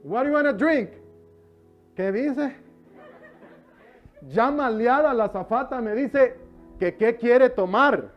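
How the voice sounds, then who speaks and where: High-voiced man preaching a lively sermon. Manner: lively and joking with the congregation, drawing out words for emphasis. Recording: slightly dull sound with music behind.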